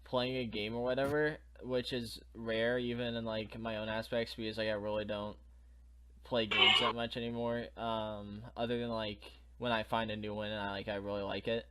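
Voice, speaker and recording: Flat-toned man meandering through chat. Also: on the low side, moderate pace, slight background noise, low-quality recording. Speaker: podcast co-host. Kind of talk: casual chat.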